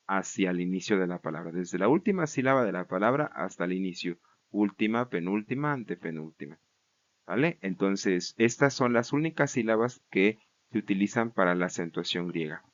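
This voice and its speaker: A man's voice: fairly low pitch, highs cut off. Patient man teaching Greek grammar. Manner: patient and explanatory, with frequent checks like "¿vale?" and "¿no?"; repeats words and restarts while explaining. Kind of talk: recorded lecture.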